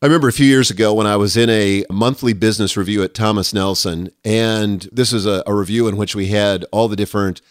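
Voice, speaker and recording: A man's voice: lowish voice, steady tone, a little fast, hardly any pauses, dry recording, studio quality. A middle-aged man hosting a solo leadership podcast, talking earnestly and with emphasis as he walks through numbered lessons. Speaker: podcast host.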